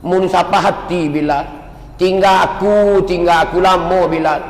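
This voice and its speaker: A man voicing a gentle male prophet who speaks tenderly and reproachfully. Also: sits high, steady tone, moderate pace, echoey room, in a large hall, low-quality recording.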